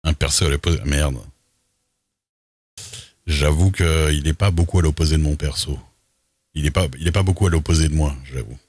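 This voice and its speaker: A man livestreams a role-play game, chatting casually and reading the server rules aloud with loose asides. He calls his very deep voice unusual; it's a little mellow and slightly rough, at a moderate pace with frequent pauses. The recording is dry and studio quality.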